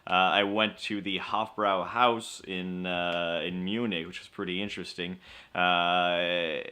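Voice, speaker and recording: Low, bright-voiced young man chatting. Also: level tone, unhurried. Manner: explanatory, storytelling with wry humor. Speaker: co-host of a beer show. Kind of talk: casual chat.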